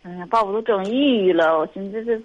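A woman's voice: mid-range voice, fast, low-quality recording. A middle-aged woman with a Northeastern Mandarin accent calling an advice show, sighing and rambling in exasperation. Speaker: caller. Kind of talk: call-in conversation.

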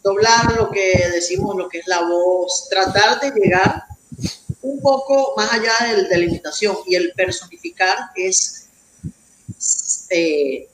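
A man's voice: sits high, unhurried. A man with a Venezuelan accent, a guest in a casual interview, speaking in hesitant, repeated phrases. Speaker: guest, celebrity impersonator. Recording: echoey room with loud background noise.

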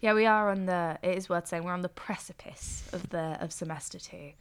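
A woman's voice: lowish voice, a little fast, clean tone. A young woman hosting a student podcast, chatty and friendly, laughing easily. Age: young adult. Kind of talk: casual interview chat.

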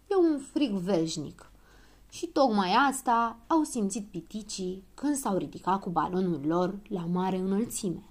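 A woman narrating a children's story in a lively, expressive reading. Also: mid-range voice.

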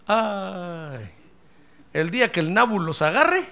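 A man's voice: sits high, lively intonation, takes it slowly, gravelly, bright, forceful tone. A man preaching a sermon as pastor, telling humorous stories and acting out his congregants' voices.

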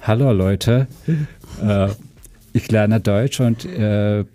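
A man with a Russian accent speaking German as a second language, telling his story casually and haltingly as an interview guest. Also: on the low side, dark tone. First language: not a native German speaker. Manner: halting, searching for words.

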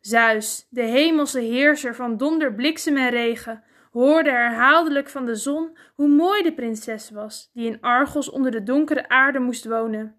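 Slow, expressive woman storyteller. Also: high voice. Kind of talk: storybook narration of a myth.

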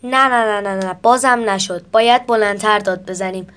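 A woman's voice: mid-range voice, fairly bright tone, smooth, lightly acted. A woman voicing an eager little boy giving advice in a children's storybook.

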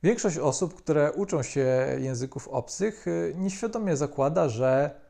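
This language teacher, whose first language is Polish, gives a methodical video lesson and explains things calmly. His slightly high voice still sounds dark, gravelly and mellow, and hesitation fillers frequently fill the gaps between his phrases.

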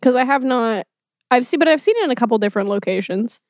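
A woman's voice: fairly high pitch, lively intonation, fast talker, dry recording, studio quality. A young woman co-hosting a movie podcast, chatting casually with wry, slangy phrasing. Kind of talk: casual chat.

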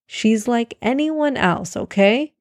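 A woman's voice: fairly high pitch, lively intonation, takes it slowly, a little mellow, no echo, pitched above the performer's own voice. Woman reading as young boy, earnest, patient, storybook, dry close sound. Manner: earnest, explaining.

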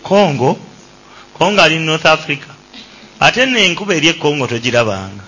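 A fast-talking preacher from Uganda delivers his sermon in short bursts for an interpreter. His voice is bright and husky, and he leaps upward in pitch to drive points home. The recording is dull and lo-fi. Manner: animated, switches pitch high for emphasis. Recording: dull lo-fi sound.

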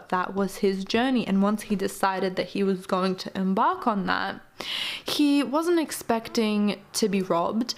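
A young woman in her twenties hosting a motivational solo podcast, talking in a chatty, earnest way and often calling her listeners "you guys". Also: medium pitch. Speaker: podcast host.

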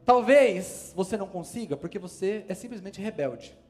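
A man's voice: sits high, lively intonation, normal speed, darkish tone. A man with a Brazilian Portuguese accent preaching a sermon as a pastor, emphatic and building in force. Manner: emphatic, preaching with rising force and sudden calls. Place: church service.

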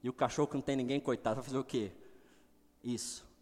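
A middle-aged pastor preaching a sermon, swinging between loud exclamations and quiet asides. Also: male voice, medium pitch, fairly even intonation, quick pace. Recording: long hall reverb.

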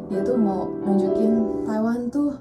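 A woman's voice: fairly high pitch, unhurried. A woman hosting a casual podcast interview, chatty, with enthusiastic interjections. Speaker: podcast host. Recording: distant mic with loud background music.

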